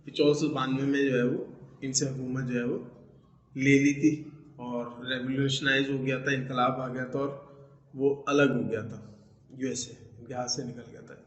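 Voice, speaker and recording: Teacher explaining slowly in a roomy echo. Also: male voice, medium pitch, little pitch movement. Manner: explains in Urdu-Hindi, reads English lines slowly, frequent "theek hai". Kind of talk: online lesson lecture. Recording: echoey room, dull lo-fi sound.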